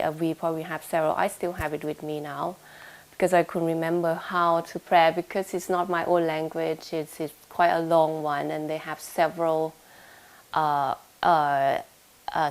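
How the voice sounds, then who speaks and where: With a deep voice and flat delivery at normal speed, a young Thai woman speaks with a Thai accent during a casual oral history interview in a home room in London. She answers hesitantly, using many fillers and restarts.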